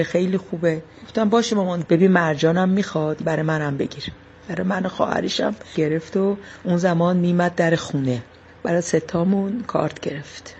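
A middle-aged mother recalling the past in an interview, speaking slowly and haltingly. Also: on the low side, gravelly, darkish tone. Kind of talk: interview recollection. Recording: dull, lo-fi recording with faint noise.

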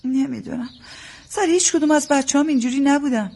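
An actress playing a tearful, anxious mother of a newborn who defends herself gently. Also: high-pitched, gravelly. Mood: tearful, defensive. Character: tearful mother of a new baby, anxious, devout. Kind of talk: TV drama acting.

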